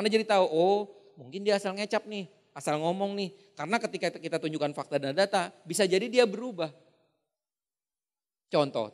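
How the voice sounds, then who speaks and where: A man giving a seminar talk, animated, often acting out comic quotes and laughing. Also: fairly high pitch. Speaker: seminar speaker. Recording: long hall reverb.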